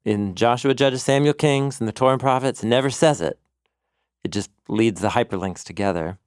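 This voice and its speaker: A man co-hosting a podcast, explaining biblical stories in an animated conversational teaching manner, quoting scripture along the way. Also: medium pitch, fairly quick, clear, resonant tone, no room sound, studio quality. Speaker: co-host and Bible teacher.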